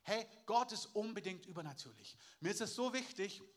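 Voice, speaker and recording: A man's voice: high voice, animated, fairly quick. A man pastor preaching a sermon, emphatic, repeating phrases and calling for amen.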